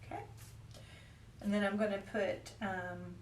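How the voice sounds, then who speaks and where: A woman with a Southern country accent talks through a painting lesson, calm and chatty as she explains each step. Her voice sits at a middle pitch. It sounds roomy and a little distant from the mic. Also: unhurried, slight background noise. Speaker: painting instructor.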